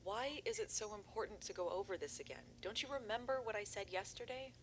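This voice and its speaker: In an analog horror audio drama, a woman plays an anxious young videographer trying to find her lost brother, talking in a sincere, meandering way. Her natural, mid-range voice moves a little fast over slight background noise.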